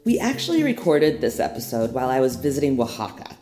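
A woman's voice: extremely low pitch, wildly swooping pitch, fast talker, loud music behind the voice. A woman hosting an interview podcast, with a hungover morning voice. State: hungover morning voice after a night of drinking. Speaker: podcast host.

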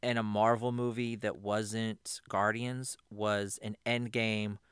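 Brief: male podcast co-host, bright and clear voice, animated, swears a lot, casual chat. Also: on the low side, takes it slowly, dry recording, studio quality. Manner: animated, swears freely, laughs often.

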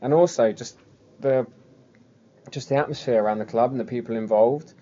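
A man's voice: mid-range voice, normal speed, warm tone, a little hiss or hum. A man from southern England with a Home Counties accent, chatting casually and ramblingly as a podcast host. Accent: Home Counties English. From southern England, Surrey and the Cotswolds. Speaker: football fan podcast host. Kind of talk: casual chat. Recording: slightly dull, lo-fi sound.

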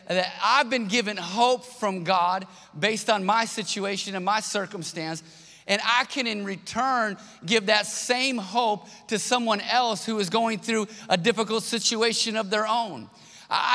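Bright-voiced pastor preaching in a reverberant hall. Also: male voice, sits high. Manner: earnest storytelling with quoted voices, repeats phrases. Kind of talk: sermon. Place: church auditorium.

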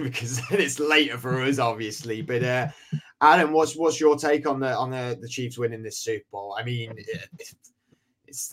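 Casual: podcast host, voice shot and hoarse, tired, keeps restarting. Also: male voice, medium pitch, a bit bright. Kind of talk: casual chat.

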